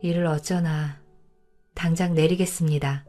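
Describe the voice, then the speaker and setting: A woman's voice: sits low, steady tone, unhurried, dark tone, soft background music. A woman voicing an arrogant young male scholar from the capital who scolds and then begs. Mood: pleading. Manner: haughty scolding, then begging.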